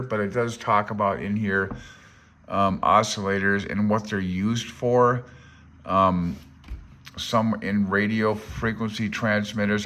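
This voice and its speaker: A man with a lowish voice and a fairly bright tone reads informally from a handbook and comments on it. He's an amateur radio hobbyist presenter who thinks aloud, sounding unsure and self-deprecating.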